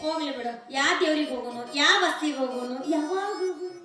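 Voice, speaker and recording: A woman playing a sharp-tongued young village bride, firing back quick scolding retorts in a North Karnataka Kannada accent. Her voice is very high. It echoes around a stage, caught from a distance with music behind. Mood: bantering. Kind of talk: live village stage play. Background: instrumental music.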